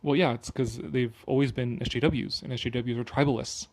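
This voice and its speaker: Reading an article aloud with his own remarks mixed in, a male commentator gives a sarcastic dramatic performance punctuated by casual, opinionated mockery and some swearing. He has a mid-range, slightly mellow voice with vocal fry, brisk delivery, and fairly even intonation.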